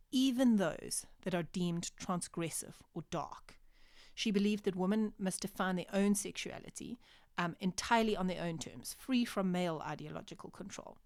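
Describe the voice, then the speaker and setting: A woman giving a literature lecture to her students, explaining clearly with measured pauses for emphasis. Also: fairly low pitch, no echo, studio quality.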